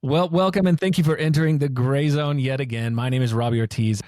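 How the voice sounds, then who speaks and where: A man's voice: medium pitch, fairly quick, dry recording. Chatty male podcast host, dry mic. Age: young adult. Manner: warm, chatty, many fillers and restarts. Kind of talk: casual interview chat.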